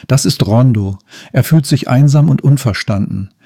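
A man voicing a small, brave female cloud mouse who talks in a squeaky, careful way. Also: normal speed, slightly rough, no room sound, clean studio sound. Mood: gentle. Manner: squeaky, timid then gentle.

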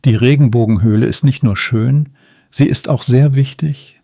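A man's voice: medium pitch, normal speed, creaky, dark tone, no echo, studio quality. A man voicing a proud, strict female seagull who guards a magic cave, speaking in a stern, commanding way. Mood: firm.

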